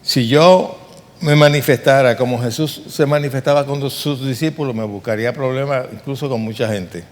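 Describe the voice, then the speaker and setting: A man preaches with earnest emphasis and keeps putting rhetorical questions to his listeners. His voice sits at an ordinary middle pitch. The sound rings out with the long reverb of a large church hall. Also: normal speed. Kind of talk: sermon.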